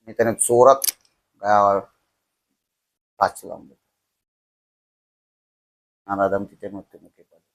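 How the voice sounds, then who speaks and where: A young man telling a horror story on a podcast, slow and dramatic, dropping to a hush at tense moments. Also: lowish voice, fairly even intonation.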